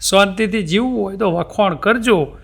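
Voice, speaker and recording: A man's voice: high-pitched, moderate pace, vocal fry, a bit bright, slightly rough. A man with a North Gujarat Gujarati accent doing live stand-up, telling jokes and acting out the people in them. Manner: storytelling, acting out wives, maids and bosses in his own voice. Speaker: stand-up comedian.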